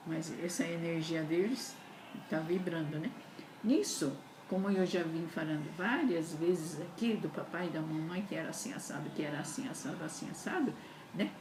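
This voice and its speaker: Woman, spiritual talk, earnest and repetitive, lowish voice, echoey room, background hiss. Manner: earnest, repetitive, ends phrases with 'né?'. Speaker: spiritual speaker. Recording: roomy echo with steady background noise.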